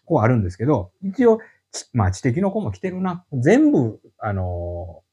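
A middle-aged man with a Kansai accent, chatting as a podcast guest and explaining his work in an animated, storytelling way. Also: mid-range voice, normal speed, breathy edge. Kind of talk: casual podcast chat.

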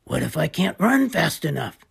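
A woman's voice: deep voice, very animated, normal speed, creaky, breathy edge, heavily acted. A woman voicing an anxious, hungry young male hippo in a storybook reading, sounding worried and doubtful.

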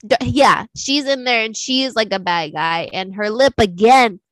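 A woman co-hosting a podcast, chatting casually about films and TV in a lively, animated way and laughing easily. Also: fairly high pitch, normal speed, no echo. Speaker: podcast co-host.

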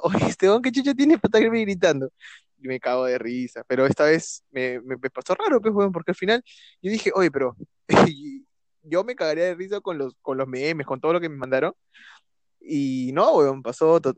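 A man's voice: fairly high pitch, brisk, dry recording. A young man in casual chat, laughing often, swearing freely and joking as he talks.

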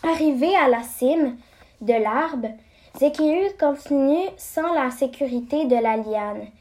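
A woman reading a children's story aloud, slow and halting, stumbling and restarting words. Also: high-pitched, a little mellow. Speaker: story reader.

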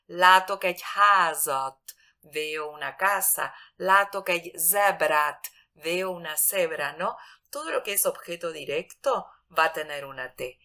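A woman teaching a radio language lesson, patiently explaining and reciting example phrases slowly. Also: on the low side, pushed and bright.

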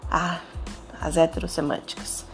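A Brazilian woman with a deep, low voice gives a patient language lesson. She speaks with a Brazilian Portuguese accent and keeps checking that her listener follows. Soft music plays faintly behind her. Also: level tone, unhurried. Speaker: Spanish teacher.

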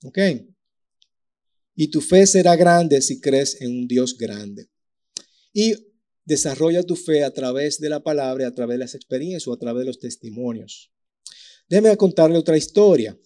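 Lively preacher man with a mellow voice. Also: on the high side, moderate pace. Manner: lively storytelling with acted-out voices and sound effects. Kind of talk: sermon.

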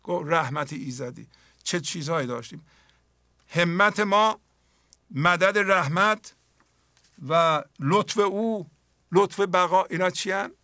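A man hosting a spiritual poetry program, explaining the verses earnestly and dropping to a soft voice when he acts out inner dialogue. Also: high-pitched, long pauses, no echo, studio quality. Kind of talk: spoken commentary on mystical poetry.

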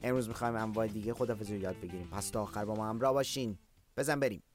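A language teacher giving an online lesson who speaks warmly and fondly to the students and acts out the example phrases. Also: medium pitch, soft background music. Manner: affectionate toward students.

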